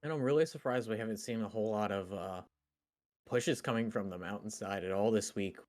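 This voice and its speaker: A man's voice: lowish voice, a little fast, a little mellow. A man giving casual, analytical commentary on a live game match as a co-caster.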